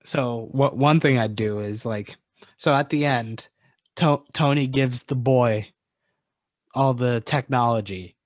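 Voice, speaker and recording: A man's voice: medium pitch, takes it slowly, dry recording, clean studio sound. A man co-hosting a podcast in casual chat, hesitant, with many fillers. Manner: hesitant, lots of likes and ums. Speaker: podcast co-host.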